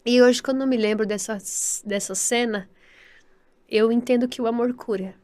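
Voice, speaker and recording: A woman's voice: a little high, fairly even intonation, warm tone. Earnest Brazilian woman sharing her testimony. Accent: Brazilian Portuguese. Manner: earnest, halting, with frequent repeated words and tag questions; devout, speaks of faith with feeling. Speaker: podcast guest. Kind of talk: personal testimony in an interview.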